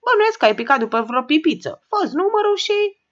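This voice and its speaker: A woman voicing a loud, pushy, excitable man who bursts out in an audiobook reading, on a dull lo-fi recording. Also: very high voice, pitched above the performer's own voice. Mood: blustering. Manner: explosive, shouty bursts. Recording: dull lo-fi sound.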